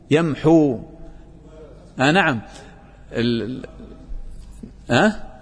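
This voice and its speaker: A man leads a Quran lesson, reciting verses slowly and pressing his students with grammar questions. His voice sits a little high and sounds husky. The long reverb of a large hall trails after each phrase. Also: a little mellow. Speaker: Quran teacher.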